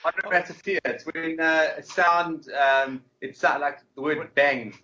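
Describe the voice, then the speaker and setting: A man's voice: on the high side, unhurried, pushed and bright. A man speaking casually as an interview guest, easygoing and hesitant in his phrasing. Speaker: podcast guest, game developer. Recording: dull, lo-fi online call.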